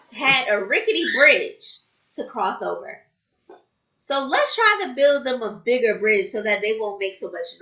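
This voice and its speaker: A woman's voice: fairly high pitch, a little hiss or hum. A woman preschool teacher reading a story aloud expressively to children and explaining a craft activity. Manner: slow, expressive, talking to children. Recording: roomy echo.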